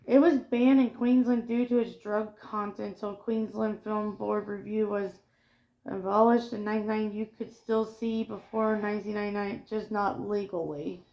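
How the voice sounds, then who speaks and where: A woman's voice: mid-range voice, steady tone, moderate pace, warm tone, poor audio. A woman co-hosting a casual pop culture chat, reading film trivia aloud and often stumbling over and correcting her words. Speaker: co-host.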